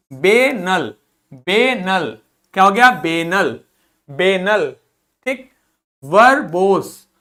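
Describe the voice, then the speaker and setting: A woman with an Indian accent and a mid-range voice teaches an English vocabulary lesson. She repeats each word to drill pronunciation and poses questions to students, then answers them herself.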